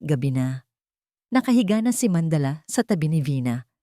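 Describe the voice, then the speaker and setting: Speaking at a normal pace, a woman with a fairly low voice gives an expressive, scripted narration of a dramatic story, her pitch ranging widely. The recording is close and dry, without echo.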